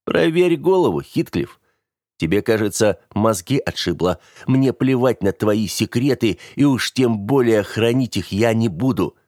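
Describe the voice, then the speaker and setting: A man's voice: lowish voice, expressive, unhurried, darkish tone, dry recording, studio quality, pitched above the performer's own voice. A man doing a snappy, sarcastic young man. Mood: angry. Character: prickly young man, sharp-tongued, mistrustful.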